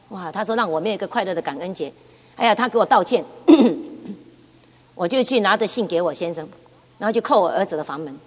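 A middle-aged woman gives a church testimony, telling her story in a lively way and often repeating her words. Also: mid-range voice. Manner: lively storytelling with frequent repetitions. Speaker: church speaker giving testimony. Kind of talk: personal testimony. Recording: long reverb in a hall.

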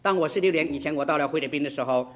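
A man's voice: a little high, very fast. A middle-aged male pastor preaching a sermon, telling a story with emphatic, urgent build-ups.

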